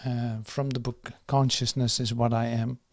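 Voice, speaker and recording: A man guiding a meditation and slowly reading a prayer, soft and unhurried, with pauses and fillers. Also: medium pitch, level tone, no echo. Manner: reads the prayer slowly and firmly. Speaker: meditation guide. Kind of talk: guided meditation.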